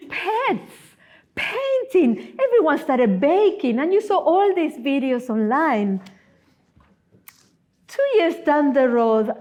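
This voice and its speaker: A woman in her forties giving a sermon as a guest speaker, telling personal stories with humorous asides. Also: high voice. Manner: animated, storytelling, humorous asides. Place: church.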